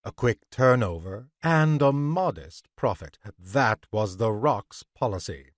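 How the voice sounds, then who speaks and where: A man reads a crime short story aloud in a measured, unhurried way. His pace is slow and deliberate. The recording is dry and close. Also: lowish voice, animated, dry recording. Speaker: podcast reader of short stories.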